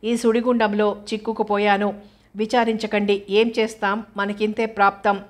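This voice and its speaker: A woman reading the part of a troubled young man in an audio novel, speaking earnestly and pleadingly in a flat, even tone. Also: medium pitch, normal speed, natural voice. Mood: sorrowful.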